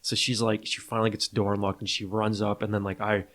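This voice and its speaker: A man's voice: fairly low pitch, level tone, fast, a bit bright. A man in his thirties co-hosting a casual podcast, telling rambling stories with frequent laughs. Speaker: podcast co-host.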